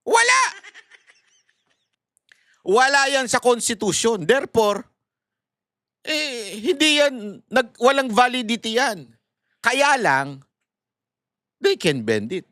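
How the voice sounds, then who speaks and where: A middle-aged man with a Filipino accent giving animated, casual political commentary and laughing as he talks to his viewers. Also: very high voice, slow pace, pauses often, no room sound, studio quality.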